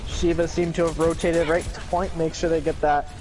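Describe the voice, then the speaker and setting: Excitable male esports caster over game music. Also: fairly high pitch, moderate pace. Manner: excitable play-by-play with joking asides. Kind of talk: live play-by-play commentary.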